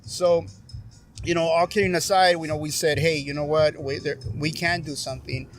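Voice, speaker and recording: A little high and fairly even in intonation, this middle-aged veteran's voice moves at normal speed with faint music behind it. He's a podcast guest and veteran advocate, laughing a lot as he teases and jokes with friends on a string-lit covered patio at night.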